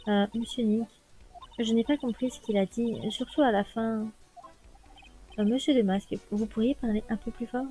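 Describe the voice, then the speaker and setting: A woman's voice: on the high side, steady tone, normal speed, mellow, natural voice. A woman voicing a cheerful, food-loving teenage girl sidekick with chirpy, teasing remarks.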